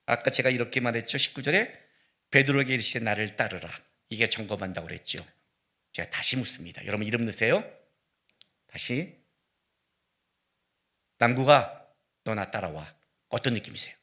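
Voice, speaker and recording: A middle-aged man preaching a sermon as pastor, animated and acting out dialogue, rising at times to a shout. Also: medium pitch, brisk, pauses often.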